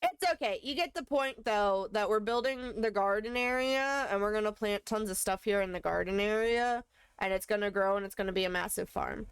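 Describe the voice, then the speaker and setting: A woman's voice: mid-range voice, a little fast, clean tone, no echo, studio quality. A woman streaming a video game live, chatting casually and thinking aloud as she plays. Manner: playful, answers chat.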